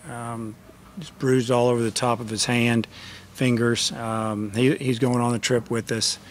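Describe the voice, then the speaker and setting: A middle-aged baseball coach talks to reporters across a press table at a post-game conference. His voice stays flat and even, and he answers plainly with plenty of "you know" and "uh". A faint hiss of room noise sits underneath. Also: mid-range voice, measured pace. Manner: plain, matter-of-fact answers with many fillers. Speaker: college baseball head coach. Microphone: table microphone.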